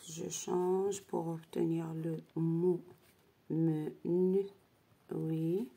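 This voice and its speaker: Woman teacher, very slow delivery, dark husky voice, going step by step through exercises. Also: fairly low pitch. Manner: spells out syllables, checks in with d'accord. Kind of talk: slow worksheet lesson.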